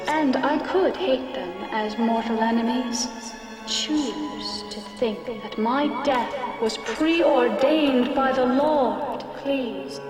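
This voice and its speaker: Slow, echoing, sorrowful ghost lady. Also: a little high. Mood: solemn pleading. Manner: solemn, slow, formal. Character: gentle, sorrowful ghost of a murdered noblewoman. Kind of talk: video game voice acting. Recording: echoing long reverb under loud music.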